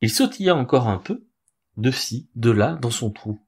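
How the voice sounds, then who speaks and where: A man narrating a folk tale in an expressive, theatrical storytelling manner. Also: mid-range voice, normal speed, breathy edge.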